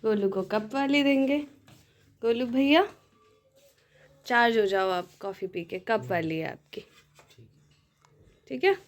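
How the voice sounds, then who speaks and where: A young woman chatting casually to her viewers as she cooks at home, sometimes lowering her voice to keep the house quiet. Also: animated, a little slow, long pauses. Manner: chatty, talks to viewers directly; speaks softly at times to keep the house quiet. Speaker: vlogger. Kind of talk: casual home vlog narration.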